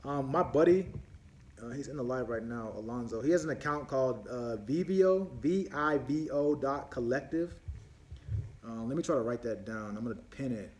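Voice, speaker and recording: A man's voice: medium pitch, moderate pace, darkish tone. Rambling man hosting a live Q&A. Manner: rambling, with many fillers and restarts; answers viewer questions as they come in. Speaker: host of a live viewer Q&A. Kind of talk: casual live-stream chat.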